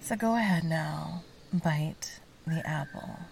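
A woman in an ASMR role-play as a coaxing temptress, speaking in a soft, breathy, honeyed and sultry voice. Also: deep voice, takes it slowly, slight background noise, low-quality recording. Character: seductive, indulgent temptress coaxing a listener. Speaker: seductive audio role-play performer.

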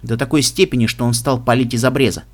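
A man narrating an audiobook in a steady, even storytelling manner. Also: mid-range voice, quick pace.

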